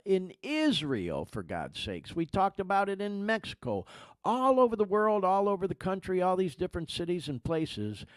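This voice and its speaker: A man's voice: fairly high pitch, darkish tone, no echo, studio quality. A man hosting a podcast, talking casually and emphatically, swearing and getting emotional. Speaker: podcast host.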